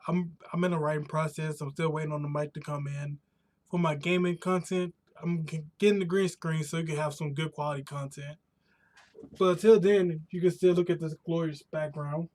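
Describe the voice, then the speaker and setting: A slightly high, somewhat mellow male voice belongs to an American streaming live from a room at home in the United States. His casual chat rambles, with frequent restarts and rephrasings, and a pollen allergy has worn his voice a little.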